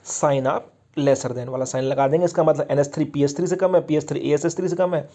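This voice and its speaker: A man's voice: fairly high pitch, steady tone, fast, warm tone. A man teaching a chemistry lesson for exam prep, explaining step by step and asking and answering his own questions.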